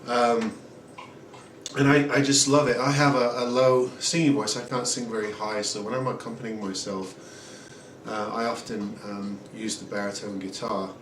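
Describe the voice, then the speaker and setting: A man in his forties rambles through a casual guitar review at home, speaking at normal speed in a fairly low voice and filling gaps with ums and uhs. Acoustic guitar plays in the background, and the distant camera mic in his small room yields roomy, noisy audio.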